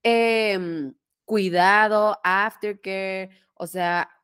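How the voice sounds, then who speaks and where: A woman's voice: medium pitch, fairly even intonation, very slow, fairly bright tone, clear, resonant tone, no room sound, studio quality. A woman with a Mexican accent hosting a podcast, talking emphatically and bluntly and swearing freely. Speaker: podcast host. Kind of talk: casual chat.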